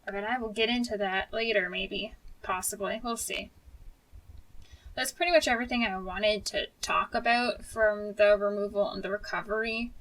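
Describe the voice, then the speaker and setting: A woman's voice: mid-range voice, moderate pace, fairly bright tone, distant mic, poor audio. A woman telling a personal story as a video creator in a casual vlog style, candid and informal with a mildly wry touch.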